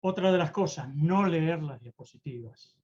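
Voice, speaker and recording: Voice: mid-range voice, darkish tone, lo-fi sound. Theatrical speaker. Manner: theatrical, deliberately varies tone and pace. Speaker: presentation-skills mentor. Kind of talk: online talk on public speaking.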